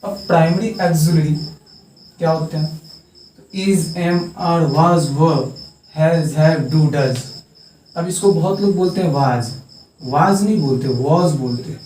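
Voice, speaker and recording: A young man teaches English grammar at a board, repeating each term slowly and stressing its pronunciation. His voice sits a little high and mellow. He sounds set back from the mic in an echoey room, with crickets chirping faintly behind him. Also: far from the mic, slight background noise. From India. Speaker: English tutor. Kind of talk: classroom lesson at a board.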